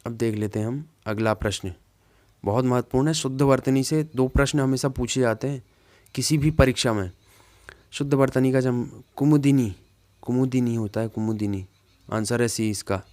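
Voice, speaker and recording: A male teacher works through exam questions in a relaxed, informal way. He repeats each word several times, drawing it out as he reasons toward the right answer. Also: mid-range voice. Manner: repeats words slowly while working out answers; informal, says "yaar" to himself. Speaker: Hindi teacher. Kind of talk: exam-prep lesson, thinking aloud.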